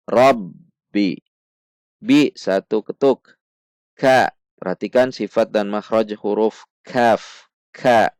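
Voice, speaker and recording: A man teaching Quran recitation in a slow step-by-step lesson, patiently repeating each syllable, contrasting right and wrong sounds and chanting verses melodically. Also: on the low side, a little mellow, no echo.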